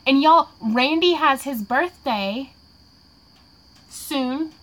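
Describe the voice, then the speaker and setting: A woman's voice: high voice, extremely slow, a bit bright, slight background noise. A woman, chatting and laughing a lot while crafting on a live Q&A, a little tipsy. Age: 20s. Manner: giggly and rambling, laughs often. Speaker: craft vlogger hosting a live Q&A. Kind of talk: casual livestream chat while crafting.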